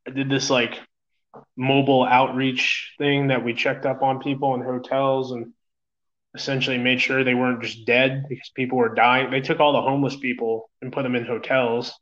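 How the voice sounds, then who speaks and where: Rambling, profane medic from New York. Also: male voice, medium pitch, flat delivery, normal speed, fairly bright tone. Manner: rambling, profane, many fillers and "man". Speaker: guest, EMS medic. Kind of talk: casual interview talk. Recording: dull lo-fi recording.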